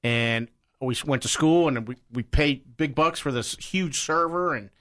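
A man's voice: mid-range voice, unhurried, fairly bright tone. A man, a company president, casually telling anecdotes as a joking interview guest.

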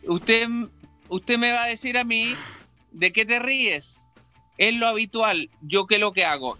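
A man's voice: sits high, sharp tone. A man hosting a casual radio chat in a studio, talkative and teasing, lecturing at length. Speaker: radio host.

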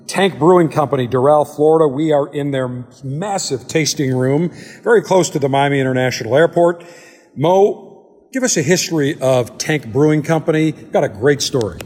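A man's voice: a little high, normal speed, darkish tone, long reverb tail. A man hosting a travel show, interviewing a guest in a large tasting room and telling stories as he asks questions. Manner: chatty, storytelling interviewer. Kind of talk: hosted interview.

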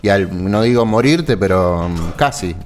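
A man with an Argentine Spanish accent, co-hosting in a calm, reflective, reassuring way. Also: on the low side, a little slow, faint music behind. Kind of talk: casual on-air chat.

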